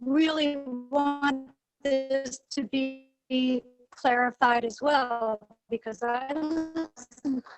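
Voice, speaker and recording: A woman speaking into a phone in a remote meeting, her voice slowed down and dropped lower by a lagging connection, halting and dragged out. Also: fairly even intonation, over music, poor audio. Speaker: council member on a call.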